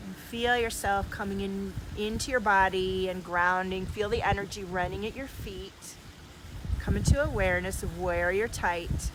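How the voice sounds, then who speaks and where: A healer hosting a livestream from the desert coaches in a casual new-age way, effusive and emphatic. Her mid-range voice is steady at a moderate pace, with noticeable outdoor background noise.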